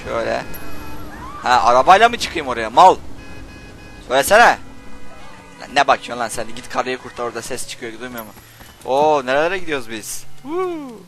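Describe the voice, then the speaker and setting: A young man doing Let's Play commentary, swearing and shouting insults at game characters while he plays. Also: medium pitch, big pitch swings, normal speed, pauses often, soft background music. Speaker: gaming channel host.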